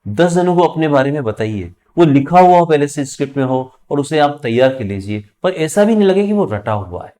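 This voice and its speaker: A man with an Indian accent teaching interview communication skills, speaking clearly with deliberate pauses and emphasis. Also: fairly high pitch, big pitch swings, dark tone. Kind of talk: instructional talk to camera.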